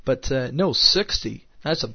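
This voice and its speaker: A man's voice: medium pitch, animated, creaky, husky, dry recording, lo-fi sound. Sick Scottish man with a sore throat. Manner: rambling, halting, wry and sarcastic. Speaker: radio show host. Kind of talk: casual solo podcast chat. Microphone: headset.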